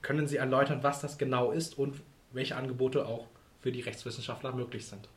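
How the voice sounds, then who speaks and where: A young male podcast co-host with a voice of average pitch introduces the guest. His questions come politely, with a slight halt here and there. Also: fairly even intonation, a little fast, a little hiss or hum.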